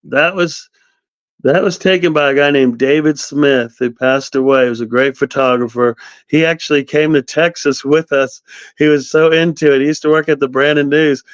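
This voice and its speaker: A man in his fifties, a guest, telling animated stories in casual talk. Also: on the high side, moderate pace, dry recording. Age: 50s. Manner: animated storyteller, quotes others. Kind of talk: casual storytelling interview. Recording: dry, slightly dull sound.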